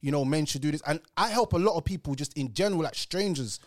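London roadman guy on a podcast, quick high voice, loads of slang, emphatic casual chat. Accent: London, urban street. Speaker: podcast host.

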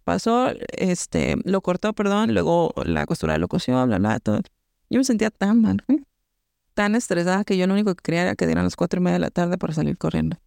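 A Mexican woman co-hosting a podcast, telling a story in casual chat with lots of slang and an animated manner. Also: lowish voice, brisk, vocal fry, no echo, studio quality. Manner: animated, slangy, acts out voices in anecdotes. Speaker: podcast co-host.

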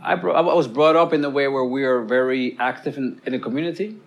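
A man who works as a community organizer, answering interview questions in an analytical, halting way with many uhs and restarts. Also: mid-range voice, dull audio.

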